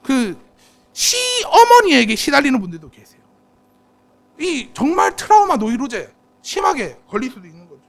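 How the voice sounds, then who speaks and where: A senior pastor preaching a sermon. He is dramatic, swinging between hushed asides and loud exclamations, and asks the congregation rhetorical questions. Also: very high voice, sing-song, normal speed, gravelly.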